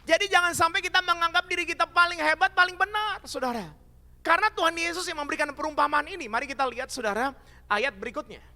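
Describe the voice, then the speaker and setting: Pastor guy preaching, high bright voice, keeps asking the crowd stuff, big echoey hall. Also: fast. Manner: lively preaching that calls out to the congregation. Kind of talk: sermon. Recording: long hall reverb.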